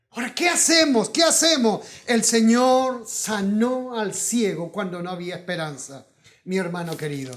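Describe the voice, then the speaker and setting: High-voiced Rioplatense pastor preaching. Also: male voice. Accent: Rioplatense Spanish. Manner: emphatic preaching, swinging from loud calls to hushed asides. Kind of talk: sermon. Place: auditorium.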